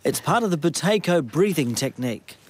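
New Zealand male reporter, higher-pitched voice, measured news read, light hiss behind. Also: animated. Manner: measured, scripted delivery.

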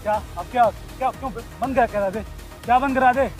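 A young man plays a stern bystander who takes charge of a street quarrel. He barks short commands again and again in a very high voice, with faint music underneath. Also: fairly quick. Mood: interrogating. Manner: commanding, repeats curt orders. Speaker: actor in a staged vlog skit. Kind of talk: staged street drama.

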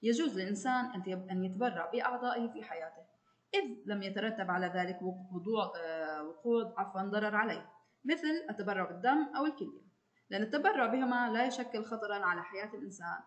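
A woman teacher talks her students through a recorded lesson at a brisk clip. Her voice sits at an ordinary middle pitch, and she keeps turning to the student directly, with short filler sounds between points.

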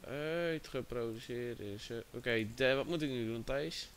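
A man's voice: medium pitch, measured pace, slight background noise. A man chatting casually on a livestream, distracted and talking to his chat and a friend. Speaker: livestream host.

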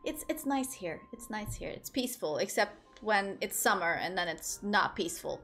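Chatting with viewers through live chat, a young woman from Portugal rambles and giggles on a headset at her desk in a small room. Her medium-pitched voice is animated and fairly bright at normal speed, with soft background music.

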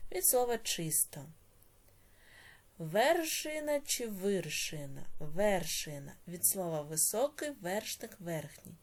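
A woman teaching a primary school language lesson, dictating words slowly and then explaining quickly, often dropping to a whisper at phrase ends. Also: medium pitch, a little mellow. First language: Ukrainian.

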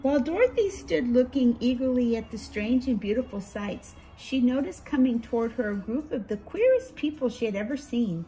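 A woman reads a children's storybook aloud with a warm, expressive, rather high voice at normal speed and few pauses. She lifts her voice slightly for quoted lines and now and then stumbles and restarts a word. The audio is poor, with slight background noise.

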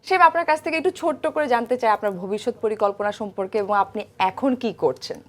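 A woman's voice: on the high side, fairly quick. A young woman hosting a televised cooking segment, chatty and upbeat, often dropping in English phrases. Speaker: TV cooking show host.

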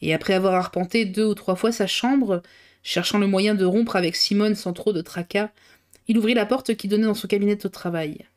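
A woman reading an old novel aloud on a livestream. Her narration is steady, at a middling pitch, with a stumble and a correction here and there. The voice stays even and attentive to the text. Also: brisk. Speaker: reader.

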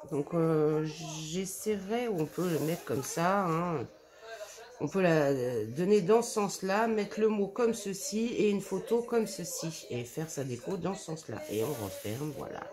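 A woman's voice: medium pitch, darkish tone. Gushing woman showing off scrapbook papers. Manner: enthusiastic, gushing over papers with many fillers; addresses viewers affectionately. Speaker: scrapbooking vlogger. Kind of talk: casual product haul show-and-tell.

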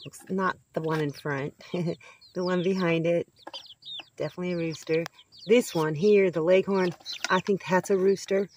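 With a phone or handheld camera at arm's length, a middle-aged woman films her homestead outside and chats in a folksy vlog style, sometimes turning to talk to her chickens. Her voice is on the low side and darkish, and there's a little hiss or hum.

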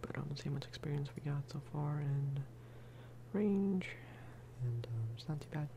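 Musing unhurriedly over a game, this soft-spoken man keeps his ASMR commentary low-key yet lively in intonation. His hushed voice at times turns to a whisper, and background noise is clearly audible.

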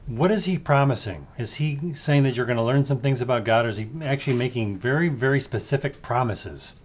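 A man's voice: mid-range voice, fairly quick, a little hiss or hum. A man hosting a podcast, giving casual, explanatory commentary. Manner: conversational, explanatory. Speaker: podcast host.

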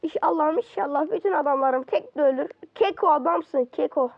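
High-voiced excitable female gamer. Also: a little fast, vocal fry. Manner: excitable, exclaims and grumbles at opponents. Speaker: gaming video creator. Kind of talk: casual gameplay commentary. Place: bedroom at home. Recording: slightly dull lo-fi recording.

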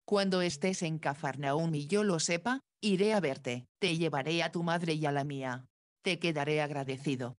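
A woman reading the lines of a calm, patient grown male teacher in a gentle, reassuring way, in her own voice. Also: low voice, no echo, natural voice.

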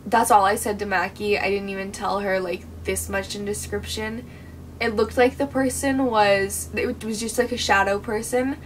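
A woman's voice: mid-range voice, fairly even intonation, moderate pace. Young American woman, distant and noisy mic. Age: young adult. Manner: hesitant, filler-heavy storytelling with "like". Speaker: vlogger staying overnight in a garage. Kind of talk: casual night vlog chat. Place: cluttered garage at night, seated on sofa. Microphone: camera a few metres away. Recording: distant camera mic with background noise.

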